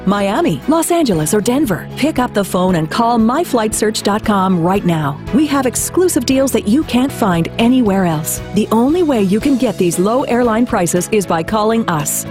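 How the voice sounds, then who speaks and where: A woman reading a radio ad as an upbeat, pushy sales pitch. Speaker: ad announcer. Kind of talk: radio ad read. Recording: ad with music bed.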